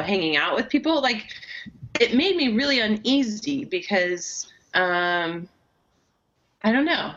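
Candid woman, bright forceful voice. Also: mid-range voice. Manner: candid, self-deprecating, laughs often. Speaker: podcast co-host and author. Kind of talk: casual faith-based chat. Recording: slightly muffled audio with faint noise.

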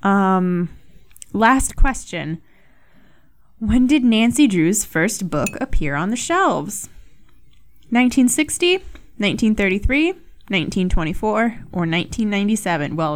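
A young woman hosts a solo podcast, chatting casually in a rambling, self-mocking way and swearing often. Her mid-range voice has lively intonation and an unhurried pace.

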